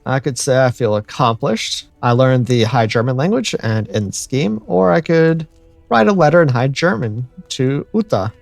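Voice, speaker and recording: A man hosting a let's-play, chatting in a relaxed way and reading game events aloud. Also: medium pitch, moderate pace, creaky, no echo, faint music behind. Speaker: gaming channel host.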